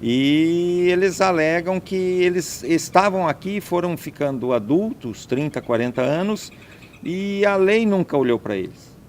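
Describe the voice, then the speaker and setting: A man with a high-sitting, somewhat mellow voice speaks a little slowly but animatedly, interviewed as a landowner. He is emphatic, reeling off points and restating them in conversation. A little hiss or hum is present.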